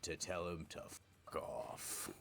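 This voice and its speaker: A man's voice: a bass voice, slow pace, vocal fry, background noise. A man delivering comedic scripted narration in a theatrical, mock-serious, punchy way. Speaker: video narrator and ad presenter.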